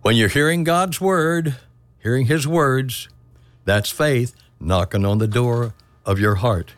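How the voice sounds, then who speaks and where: An older man preaching on a church radio program, reading scripture in a folksy, halting way and correcting himself as he goes. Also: medium pitch, no room sound.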